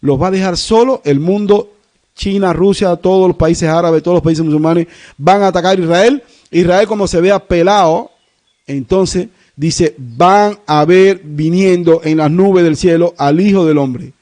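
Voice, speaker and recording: A Cuban man preaches with emphasis, posing rhetorical questions and pressing his points. His voice sits high for a man and his pace shifts to stress key lines. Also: a little slow, a little mellow. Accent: Cuban Spanish. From Cuba. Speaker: pastor. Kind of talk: sermon.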